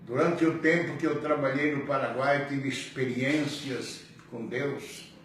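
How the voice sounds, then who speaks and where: An older man, a pastor, telling his personal testimony in a slow, earnest way. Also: medium pitch, fairly even intonation, a bit bright, a little hiss or hum. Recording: very echoey, distant mic.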